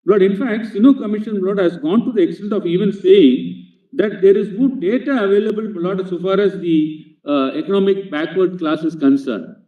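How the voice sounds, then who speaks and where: This man pleads before the court at a moderate pace, his voice sitting high, and he says "my lord" to the bench nearly every phrase. The sound is thin and echoey, like a courtroom feed from a far-off microphone.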